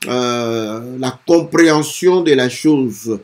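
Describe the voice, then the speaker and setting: A man commenting on a hymn in a hesitant sermon style, filling pauses with frequent fillers. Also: mid-range voice. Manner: hesitant, many "euh" fillers and "n'est-ce pas".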